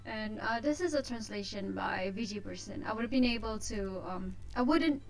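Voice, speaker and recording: A woman's voice: medium pitch, moderate pace, rough recording. Hesitant woman hosting a casual let's play. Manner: hesitant, self-conscious about voice acting. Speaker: host of a visual novel let's play. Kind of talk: casual let's play chat with read-aloud narration.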